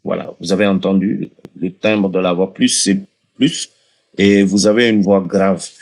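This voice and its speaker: A man hosting a casual screen-recording software tutorial, talking viewers through the steps with hesitations and restarts. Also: low voice, fairly even intonation, a little slow. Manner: hesitant, many fillers and restarts, addresses viewers directly. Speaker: tutorial host.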